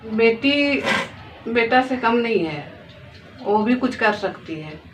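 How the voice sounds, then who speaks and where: A woman in her thirties, mother of two daughters, gives an emotional personal testimony to camera, telling her story, pleading earnestly, and repeating phrases. Her voice is a little high with lively intonation at a slow pace, captured on distant, dull lo-fi phone audio with faint noise.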